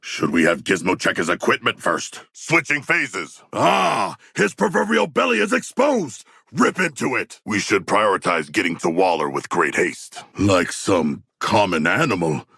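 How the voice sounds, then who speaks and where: A man playing a hulking, proud humanoid shark warrior in a video game, speaking in stilted, grandiose formal phrases with a gravelly voice. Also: deep voice, big pitch swings, measured pace, few pauses, pushed and bright, no room sound, clean studio sound, full character voice. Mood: battle fervour, shouting. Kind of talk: video game character dialogue.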